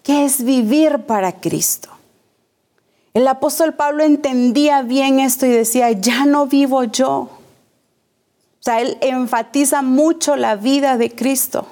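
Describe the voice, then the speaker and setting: A woman preacher delivering a sermon in a fairly high voice. She takes her time, stressing each phrase and circling back to repeat the key words. She puts rhetorical questions to the congregation. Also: steady tone, a little slow, a little mellow.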